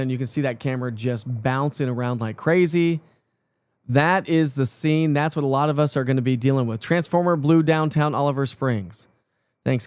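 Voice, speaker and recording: A man's voice: medium pitch, darkish tone, clear, resonant tone, no room sound. A man presenting live severe weather coverage off the cuff, talking informally and directly to viewers.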